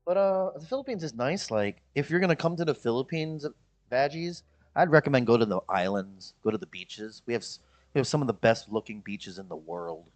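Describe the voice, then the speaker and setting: An expressive, fairly quick-talking man from Chicago with a Midwestern American accent chats casually with his stream viewers from the Philippines. He rambles, jokes around, repeats himself and mimics people in high-pitched voices.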